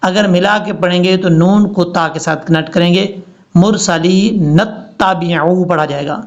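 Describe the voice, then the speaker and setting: A man teaching Quran recitation, chanting words slowly and drawn out between quick, plain explanations. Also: sits high, dull audio. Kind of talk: recitation lesson.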